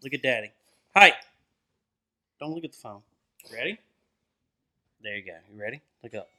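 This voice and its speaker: A man's voice: medium pitch, animated, moderate pace, bright, forceful tone. A man in a casual podcast chat who patiently coaches his young child to tell a joke. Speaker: podcast co-host.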